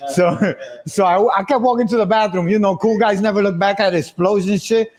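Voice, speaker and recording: A young man telling a story casually on a livestream, animated and laughing as he acts out the voices of the people in it. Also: sits high, a little fast.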